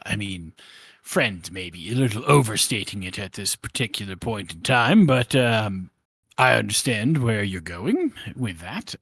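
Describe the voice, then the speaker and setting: A man voicing a proper, aloof elven gentleman in a tabletop game, slow and deliberate. His voice is gravelly and his delivery swings widely in pitch. The sound is dry and close. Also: no room sound, heavily acted. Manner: stiff, formal, measured.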